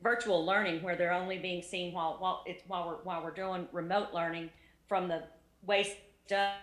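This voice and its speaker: A woman's voice: fairly low pitch, steady tone, a little fast, a bit bright, roomy sound. A woman speaking in a board meeting over a bad video call connection that breaks up, hesitating and restarting her phrases. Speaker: school board member. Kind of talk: remote board meeting discussion.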